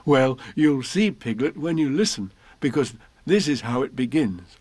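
A man voicing a cheerful, muddled male bear with a slow, earnest way of talking. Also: mid-range voice, lively intonation, a little mellow, no echo, natural voice.

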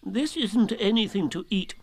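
Man voicing fussy know-it-all old owl, precise, pitch jumping all over. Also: expressive, moderate pace, a little mellow, dry recording. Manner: fussy, precise, slightly impatient. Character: fussy, pompous male owl, old and self-important.

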